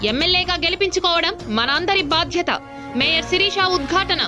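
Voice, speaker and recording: A woman reading scripted news as anchor in a brisk, even delivery. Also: very high-pitched, over music.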